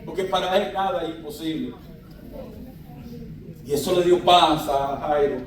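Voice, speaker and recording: A pastor preaching a fervent sermon, calling on the congregation to shout amen, heard from a distance in a large church. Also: male voice, on the high side, measured pace, heavy reverb, slight background noise. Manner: fervent, calls out for amens.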